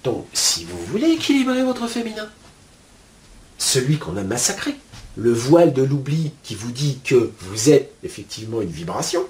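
A man's voice: medium pitch, very animated, normal speed, a little mellow. A man giving a spiritual lecture at a board, colloquial and blunt, full of asides. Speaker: spiritual teacher.

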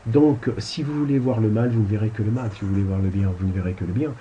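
A man's voice: on the low side, quick pace, dark tone, muffled recording, a little hiss or hum. A man giving a casual spiritual lecture over slides, rambling and colloquial, with crude asides. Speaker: spiritual teacher.

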